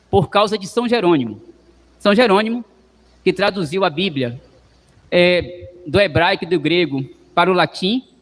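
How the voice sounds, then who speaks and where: A man, a parish priest, preaching a sermon in a teaching way, having the congregation repeat words and often checking with "não é?". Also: high voice. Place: church. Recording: long church reverb.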